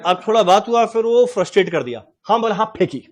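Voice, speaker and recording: Brief: male teacher, forties, fairly high voice, explains through animated anecdotes. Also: fast talker. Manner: animated anecdotes, acts out dialogue. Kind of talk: classroom lecture with storytelling.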